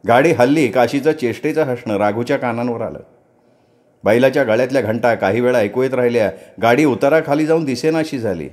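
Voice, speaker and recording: Expressive male storyteller reading a novel. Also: mid-range voice, brisk. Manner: expressive storytelling, acts out dialogue.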